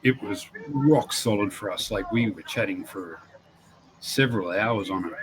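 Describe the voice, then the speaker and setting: A man co-hosting a casual stream chat, telling things at length with many pauses and ums. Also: on the low side, noisy background. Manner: rambling, hesitant, many ums.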